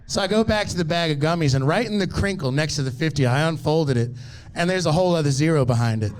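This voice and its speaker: Male stand-up, 30s, slightly high voice, swearing storyteller who riffs on the crowd. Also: quick pace. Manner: profane, animated storytelling with crowd asides. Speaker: stand-up comedian. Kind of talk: stand-up comedy set.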